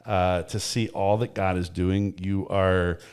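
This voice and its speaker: A man's voice: low voice, steady tone, takes it slowly, darkish tone, smooth. Enthusiastic male podcast host. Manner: enthusiastic, welcoming questions with some fillers. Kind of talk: interview introduction.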